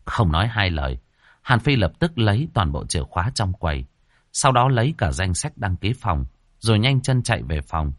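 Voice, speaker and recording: Deep-voiced man narrating a horror audiobook. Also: moderate pace, dry recording, clean studio sound. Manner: expressive storytelling, shifting tone for suspense.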